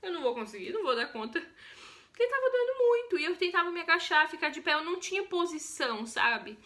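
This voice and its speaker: Young brazilian woman vlogging, high bright voice, chatty and animated, acts out what she said. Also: quick pace. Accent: Brazilian Portuguese. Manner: chatty and expressive, acts out her own cries and quotes. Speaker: vlogger telling her birth story. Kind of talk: casual storytelling vlog.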